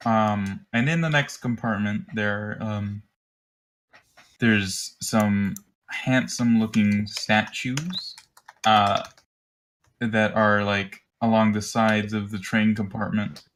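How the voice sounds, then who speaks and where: A man's voice: on the low side, steady tone, slow, fairly bright tone, a little hiss or hum. A man narrating a tabletop game as game master over a voice call, loose and rambling with lots of fillers.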